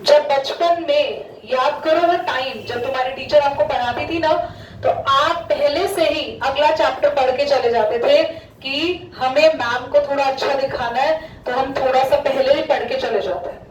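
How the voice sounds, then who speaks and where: A woman's voice: high voice, moderate pace, slight background noise. A woman maths teacher giving a classroom lesson, scolding students and mixing Hindi with English. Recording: echoey room from far off.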